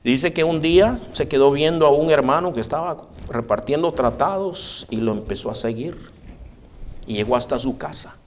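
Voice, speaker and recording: Male pastor, fairly high voice, storytelling sermon delivery. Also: moderate pace, a little hiss or hum. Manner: storytelling, addresses listeners as brother.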